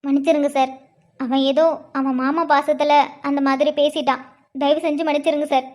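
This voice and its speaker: A woman's voice: sits high, level tone, brisk, a little mellow, natural voice. A woman voicing a grieving young widow in a cartoon, tearfully pleading with the police for justice.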